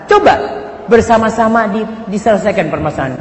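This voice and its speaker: A man preaching a sermon, telling a story and acting out its dialogue, dropping between loud and soft passages, mixed in. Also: fairly high pitch, normal speed. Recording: roomy hall with long reverb, faint ambience.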